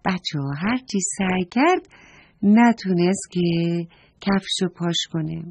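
A woman's voice: lowish voice, a little mellow, slightly rough, dry recording. A woman narrating a children's story, speaking affectionately and directly to the children listening. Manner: playful self-correction.

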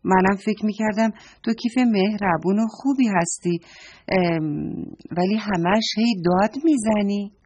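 A woman's voice: mid-range voice, darkish tone, slightly rough, natural voice. A woman voicing a stubborn, sulky little girl in a children's story, talking in a whiny, petulant way.

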